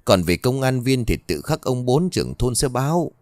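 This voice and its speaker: A man voicing a stern, gruff older village man giving orders. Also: mid-range voice, big pitch swings, moderate pace, a little mellow, no room sound, voice pushed up, lightly acted. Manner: gruff, commanding.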